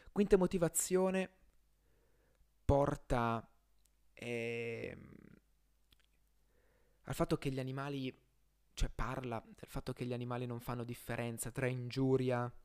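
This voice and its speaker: Man explaining philosophy in halting, self-correcting phrases. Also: mid-range voice, steady tone, darkish tone, clear, resonant tone. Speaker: host of a philosophy podcast series. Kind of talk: informal philosophy lesson, explaining aloud.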